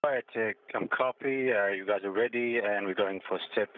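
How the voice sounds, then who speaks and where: A man's voice: lowish voice, normal speed. A man working as an astronaut, speaking in terse radio calls over a crackly space-to-ground radio. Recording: phone-like narrow band space radio.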